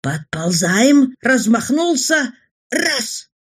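A swaggering, jovial mountain man barks short, broken phrases with easy confidence, as a woman reader puts him on. The voice is a touch husky and breathy, and he takes his time over each word. He is a storybook figure, fearless and cheerful. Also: on the high side, sing-song, extremely slow, voice pushed up, full character voice. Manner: broken speech, bold and jovial. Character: boisterous adult male mountaineer, barber, fearless.

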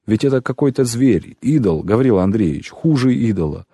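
A man's voice: lowish voice, expressive, fairly quick, dark tone, husky, no room sound, voice pushed up. A man voicing a self-pitying grown shoemaker who pleads and laments at length, in an audiobook reading. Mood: pleading.

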